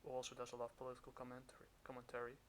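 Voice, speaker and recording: A man talking through a face mask, hosting a casual reaction commentary in a halting, hesitant way. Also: mid-range voice, completely flat delivery. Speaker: reaction video host. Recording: hissy, noisy recording.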